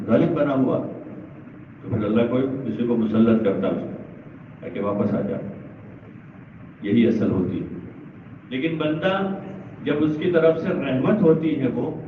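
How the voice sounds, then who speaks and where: A man preaching a sermon to a large gathering, asking the audience questions and then answering them himself. He stands well back from the microphone in a heavily echoing hall. The sound is thin and phone-like, with a faint hiss underneath. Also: mid-range voice. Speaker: Islamic preacher. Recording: echoey, far-off, phone-like lo-fi recording.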